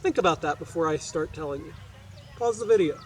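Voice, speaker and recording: With a slightly high, animated voice and a fairly quick pace, an American man reads aloud as a teacher, over a little hiss or hum. His style is instructive: he adds explanatory asides, asks questions, and checks that listeners are following.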